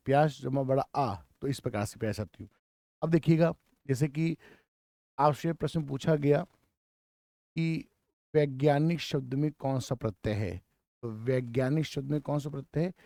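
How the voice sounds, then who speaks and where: Mellow man teaching grammar, quizzing himself. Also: medium pitch, vocal fry, dry recording, studio quality. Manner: asks rhetorical questions and answers them himself; repeats key terms to drill them. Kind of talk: classroom lecture.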